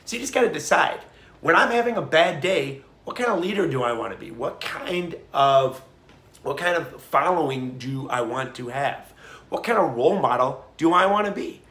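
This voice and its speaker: A young man giving an energetic, emphatic motivational talk, swinging his pitch for emphasis. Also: normal speed, roomy sound. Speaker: motivational speaker.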